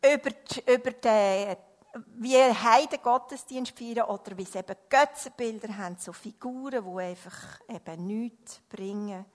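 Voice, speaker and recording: A woman preaching a sermon earnestly, moving from loud emphasis to hushed words, then praying. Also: fairly high pitch, unhurried. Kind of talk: sermon with story reading and prayer.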